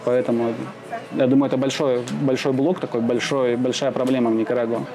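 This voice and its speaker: A man from Siberia being interviewed outdoors in the shade, answering slowly with many pauses, fillers and restarts. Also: medium pitch, flat delivery, over music. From Russia (Siberia). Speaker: interviewee, expat businessman. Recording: outdoor crowd noise behind.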